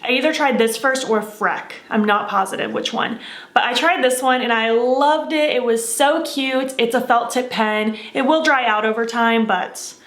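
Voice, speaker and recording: High-voiced woman chatting casually, echoey room. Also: normal speed, fairly bright tone. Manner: emphatic, opinionated, repeats herself for stress. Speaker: beauty vlogger reviewing past makeup purchases. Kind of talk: casual chat.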